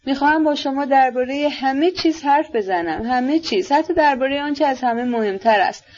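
A woman's voice: sits high, expressive, darkish tone, lo-fi sound, pitched above the performer's own voice. A woman reading as a headstrong proud young woman. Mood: fervent, defiant. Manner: passionate, emphatic, defiant.

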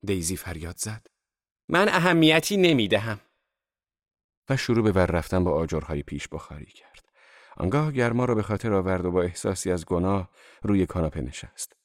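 A man narrating a novel as an audiobook reader, in a calm, even literary manner. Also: low voice, no echo, clean studio sound.

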